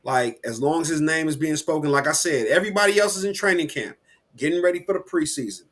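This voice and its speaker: A man co-hosting a casual sports podcast, animated and rambling, with slang and frequent restarts. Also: a little high, fast talker. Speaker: podcast co-host.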